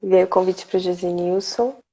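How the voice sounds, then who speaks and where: A Brazilian woman hosts a relaxed live poetry stream, greeting viewers one by one. Her voice has a gravelly, mellow edge. The audio is slightly dull and lo-fi, like a home computer mic. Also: fairly low pitch, normal speed. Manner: chatty, greets viewers by name. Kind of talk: casual live chat.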